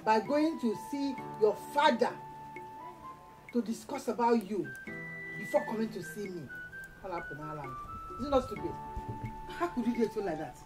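An actress with a Nigerian accent playing a domineering, harsh middle-aged mother who shouts and scorns in a Nollywood film. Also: medium pitch, lively intonation, normal speed, pauses often, lightly acted, rough recording. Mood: scornful lecture. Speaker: actor. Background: loud film score music.

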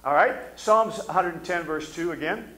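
An older man preaching a fervent sermon from a church pulpit, often sinking to low, intense tones between amens. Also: normal speed, sharp tone. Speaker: pastor. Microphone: pulpit mic. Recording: echoey sanctuary.

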